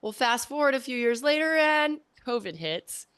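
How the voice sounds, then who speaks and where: Woman, 40s, animated interview guest recounting her story, recorded dry. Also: sits high, normal speed, clean tone, no echo. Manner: animated, acts out her own past voice in quotes. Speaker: podcast guest.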